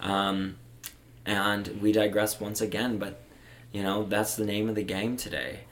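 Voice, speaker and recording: A man's voice: fairly low pitch, little pitch movement, a little slow, fairly bright tone, slight background noise. A young man hosting a podcast, chatting casually and rambling with easy laughs. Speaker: podcast host. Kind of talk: casual chat.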